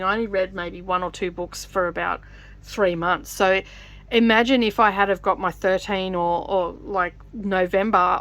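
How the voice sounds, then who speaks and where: A woman chatting casually as she stitches, wandering from point to point with lots of fillers and restarts. Her pitch sits in an ordinary middle range, and every so often she breaks off to count stitches. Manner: rambling, with many fillers and restarts. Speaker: vlogger. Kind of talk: casual chat while stitching.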